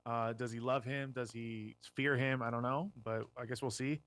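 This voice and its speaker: A man's voice: mid-range voice, fairly even intonation, normal speed, a bit bright, no room sound. A man who is a podcast guest, talking casually and hesitantly, with many ums and trailing thoughts. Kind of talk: casual chat.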